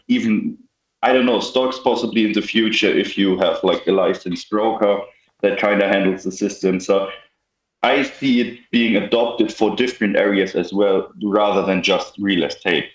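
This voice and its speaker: A young man, a software developer, talking casually as an interview guest, with many fillers and restarts. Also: lowish voice, reverberant, rough recording. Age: young adult.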